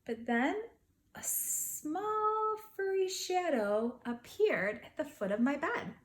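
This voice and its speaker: A woman reading a picture book aloud to schoolchildren in an expressive storytelling manner, with dramatic pauses. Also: high voice. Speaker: school counselor reading to students.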